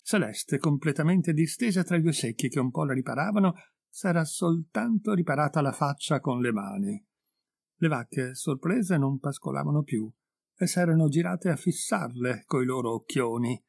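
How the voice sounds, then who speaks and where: A man reading a story aloud in measured, unhurried narration into a close mic. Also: fairly high pitch, expressive, creaky, a little mellow, slightly rough, dry recording. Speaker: reader.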